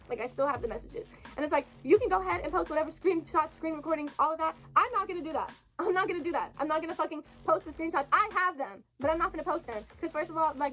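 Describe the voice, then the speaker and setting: A woman's voice: high-pitched, a bit bright. A young woman venting in a confessional vlog, rambling and profane, full of fillers and apologies. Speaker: vlogger telling her side of a breakup.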